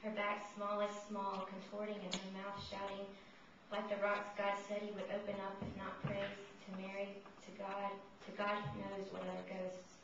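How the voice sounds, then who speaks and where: A woman's voice: mid-range voice, completely flat delivery, normal speed. Woman reading poetry in a very echoey room. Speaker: poet reading her own work. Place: reverberant indoor room, live reading. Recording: distant, muffled, echoey room with noise.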